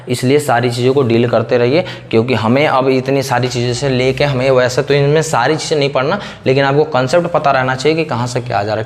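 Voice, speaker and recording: A man teaching a chemistry lecture in Hindi. He asks questions and then answers them himself, repeating the same pattern. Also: mid-range voice. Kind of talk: classroom lecture.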